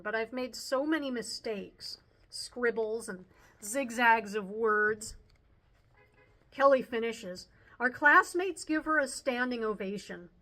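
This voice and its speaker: A woman narrating a first-person audiobook in an expressive, youthful storytelling manner. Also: on the high side, poor audio.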